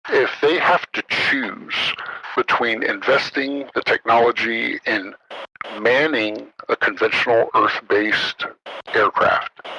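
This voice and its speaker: Guy w/ disguised altered voice, gravelly and kinda husky, slow careful ums and uhs. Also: lowish voice, bright, forceful tone, dry recording, poor audio. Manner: hesitant, picks words carefully, many ums and uhs. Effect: voice altered to disguise identity. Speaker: guest, former military official. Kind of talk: podcast interview.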